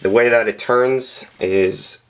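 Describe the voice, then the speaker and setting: A man narrating a casual, unscripted review of a scale model, speaking plainly with frequent pauses and filler sounds. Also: mid-range voice, fairly even intonation, clean tone. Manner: plain-spoken and candid.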